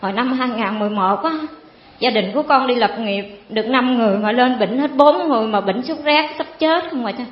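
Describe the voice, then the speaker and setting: A woman, giving a rambling, earnest personal testimony to a priest. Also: a little high. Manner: rambling, earnest, fills pauses with "cái" and calls the priest "cha". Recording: echoey, dull hall sound.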